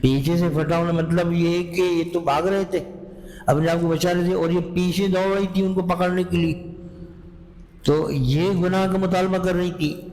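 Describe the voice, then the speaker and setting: Slow storytelling man in a reverberant hall. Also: high voice, fairly even intonation, darkish tone. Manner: slow, explanatory storytelling with rhetorical questions. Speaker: mufti giving Quran lessons. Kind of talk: Urdu Quran lecture.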